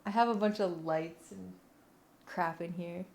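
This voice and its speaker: A woman livestreamer chatting casually with viewers in a playful, cutesy, giggly and animated way. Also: fairly low pitch, unhurried, vocal fry. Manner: animated, expressive delivery. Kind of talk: casual live chat. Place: room at home.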